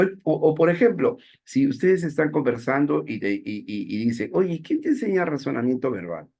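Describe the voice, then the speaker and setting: Playful teacher. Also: male voice, fairly low pitch, gravelly, a little mellow, breathy edge. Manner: playful, self-mocking, asks the class questions. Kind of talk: classroom lecture.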